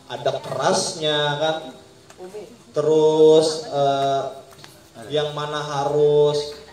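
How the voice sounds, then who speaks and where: Guy teaching poetry to a group, quizzing them back and forth, voice a bit high. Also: flat delivery, very slow, a little mellow. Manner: quizzes the group, call-and-response. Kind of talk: informal workshop lesson. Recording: echoey room, mic far off.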